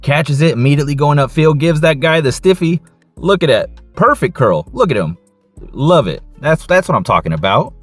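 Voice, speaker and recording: A man coaching and breaking down football game film, excited, casual, and repeating his catchphrases. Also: on the high side, moderate pace, no echo, soft background music.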